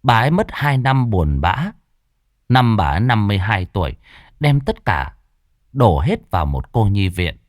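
A man narrating a story with a steady, dramatic reading. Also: lowish voice, unhurried, no echo, clean studio sound.

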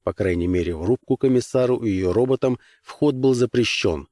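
A man narrating a science-fiction audiobook in a steady, even reading voice into a close studio mic. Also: mid-range voice, a little fast, no echo. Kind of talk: scripted narration.

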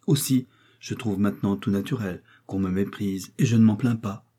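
A man's voice: lowish voice, warm tone, husky. A man reading an audiobook voices a fawning older lady, once rich, who eagerly agrees about wealth. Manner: eager, ingratiating, quick to agree.

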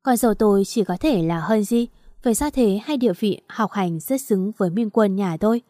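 A woman's voice: mid-range voice, expressive, moderate pace, mellow, no room sound, clean studio sound, close to an everyday voice. Woman voicing a curt, domineering mother. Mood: cold. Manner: curt and stern. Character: cold, domineering older mother.

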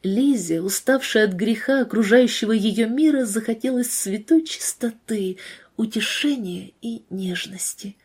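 Brief: a woman reading a faith story, gentle and emotional, with a husky, mellow voice. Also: on the high side, unhurried. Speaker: narrator.

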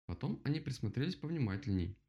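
A man reading a children's story aloud as narrator, expressive. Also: medium pitch, quick pace, creaky, muffled recording.

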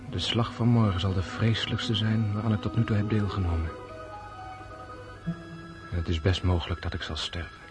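An actor playing a melancholy prince and officer, speaking a grave, deliberate, introspective monologue in a radio drama. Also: male voice, fairly low pitch, fairly even intonation, natural voice. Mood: brooding, sorrowful. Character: melancholy Russian prince and officer brooding before battle. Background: orchestral string music.

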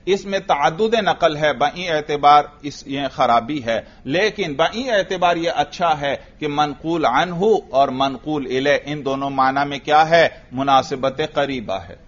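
A man's voice: fairly high pitch, hardly any pauses, fairly bright tone, dull audio. A man teaching a lecture class, explaining step by step and asking himself questions before answering them. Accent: Urdu. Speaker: teacher of Arabic grammar.

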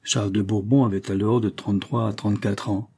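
A man reading a historical novel aloud as scripted narration, measured, lifting his voice for the characters' lines. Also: steady tone, gravelly, warm tone, husky. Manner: measured reading, raising pitch and volume for dialogue. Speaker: audiobook reader.

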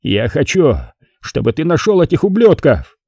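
A man voicing an enraged gang boss in an audiobook, speaking in a raised, growling shout. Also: medium pitch, big pitch swings, moderate pace, no room sound, clean studio sound. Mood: furious. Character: furious gang boss, middle-aged man, volatile.

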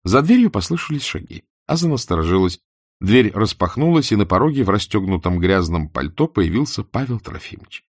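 A man narrating a humorous novel as an audiobook, expressive storytelling. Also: lowish voice, brisk, dry recording, studio quality.

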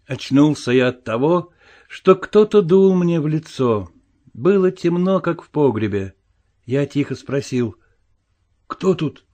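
A man reading a story aloud in a dramatic, expressive way, moving between loud and hushed passages. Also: a little high, measured pace. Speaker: narrator.

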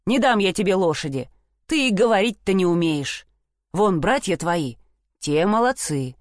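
A woman's voice: on the low side, lively intonation, moderate pace, no echo, clean studio sound, natural voice. A woman doing a curt, scolding old father. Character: stern, impatient old father.

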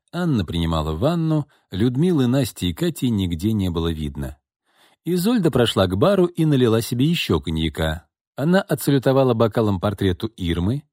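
A man reading a novel aloud as an audiobook narrator, in an expressive storytelling manner. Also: lowish voice, no room sound, studio quality.

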